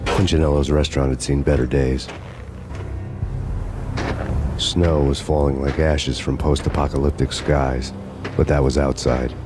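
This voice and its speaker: Narrating and speaking dialogue in a game's noir cutscenes, a weary former cop talks in an extremely deep, nearly flat voice with deadpan delivery and dry sarcasm. He is unhurried and pauses often, with music playing and a noisy background.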